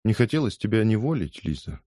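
A man's voice: lowish voice, big pitch swings, brisk, warm tone, no echo, studio quality, voice pushed up. A man voicing a shy, lovesick young working man who mumbles bashfully.

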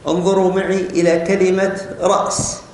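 A man's voice: completely flat delivery, normal speed, darkish tone. Man teaching in a very echoey classroom. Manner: explains step by step, often asks the class questions. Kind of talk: classroom lesson on spelling rules. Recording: very echoey room with faint rumble.

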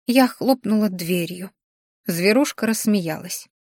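A woman reading a first-person audiobook with a lively, heated telling. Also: mid-range voice, a little slow, dry recording, studio quality. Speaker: audiobook narrator.

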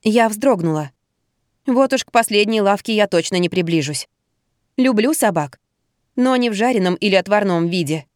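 A woman narrating a comic novel in the first person, in a wry, expressive way. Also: mid-range voice, normal speed, no echo, studio quality. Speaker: audiobook narrator.

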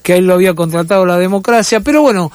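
A man's voice: sits high, expressive, very fast, a little mellow, clear, resonant tone, dry recording. A middle-aged man with a Rioplatense accent, hosting a casual radio chat and talking reflectively with many hesitations. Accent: Rioplatense Spanish. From Argentina. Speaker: radio host. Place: radio studio.

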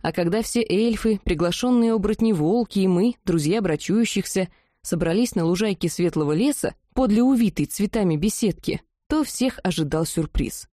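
Warm-voiced woman narrating a fantasy audiobook. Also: mid-range voice, moderate pace, no room sound, clean studio sound.

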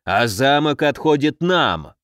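A man's voice: medium pitch, very animated, takes it slowly, fairly bright tone, no echo, studio quality. Man voicing brash three-headed dragon. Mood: demanding.

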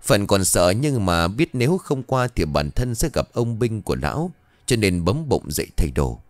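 A man narrating a ghost story with an animated, dramatic telling. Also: fairly low pitch, moderate pace, no room sound. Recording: dry studio voice with faint music.

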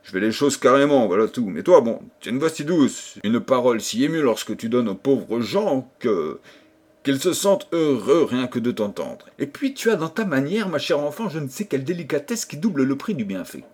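A man's voice: medium pitch, very animated, moderate pace, a little mellow, breathy edge. A man playing a jolly fatherly old king.

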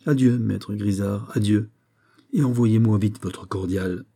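A man's voice: on the low side, unhurried, creaky, dark tone. A man voicing a stern dying old Jesuit master. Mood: grave. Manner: stern, imperious. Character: dying old male Jesuit general, commanding.

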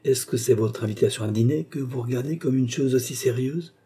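A man reading an audiobook, voicing a naive, cheerful young female seamstress who speaks in a lively, shy and coy way. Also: mid-range voice, fast talker, slightly rough, pitched above the performer's own voice, close to an everyday voice.

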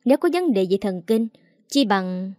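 A woman voicing a poised older wealthy woman who speaks calmly and teasingly. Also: medium pitch, no echo, studio quality, natural voice. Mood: coolly teasing. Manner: calm, teasing, unhurried.

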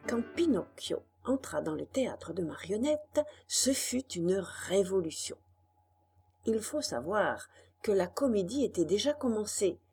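A woman reading a children's storybook aloud with an expressive delivery. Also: mid-range voice, slightly rough. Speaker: audiobook reader. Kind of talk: storybook narration.

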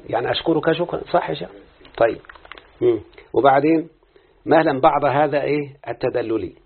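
Egyptian man teaching grammar, gravelly, fast. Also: a little high. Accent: Egyptian Arabic. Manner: quizzes students with constant check-in questions. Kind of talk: classroom lesson in Arabic grammar. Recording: muffled phone-like lo-fi recording.

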